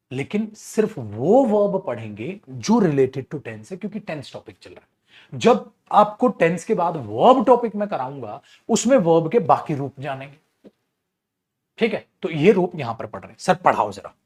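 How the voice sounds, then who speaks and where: A man teaching English grammar in an online class. He speaks in a fairly high voice, lively and playful, teasing his students as he explains. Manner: lively, jokey, addresses students as beta, acts out student voices.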